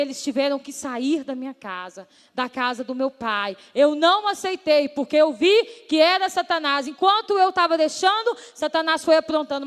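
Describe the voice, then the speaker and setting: Woman, pastor, earnest testimony preaching, high voice, long hall echo. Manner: earnest, addresses listeners as brothers and sisters.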